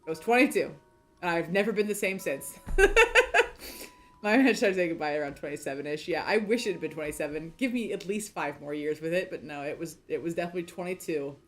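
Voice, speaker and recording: A woman's voice: low-pitched, quick pace. A woman in her thirties chatting casually during a game playthrough, rambling and self-deprecating, with lots of fillers and restarts. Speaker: game streamer.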